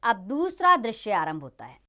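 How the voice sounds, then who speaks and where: A woman teacher reading a play aloud for children, pausing to explain words. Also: on the high side, wildly swooping pitch, bright, forceful tone. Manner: clear, explanatory.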